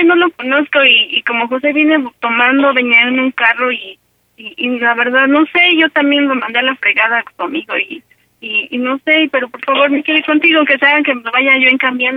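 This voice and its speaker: A woman's voice: high voice, no room sound, phone-quality sound. A woman making a prank call to her mother, nervous and pleading, repeating herself. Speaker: caller doing a prank call.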